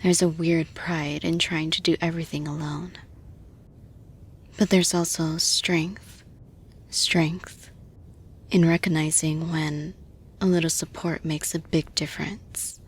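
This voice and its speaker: A woman plays a caring female boss in an intimate audio roleplay, gently persuading with steady reassurance. Her soft, rather low, very breathy voice often slips into a whisper, and she speaks very slowly and deliberately in an exaggerated way.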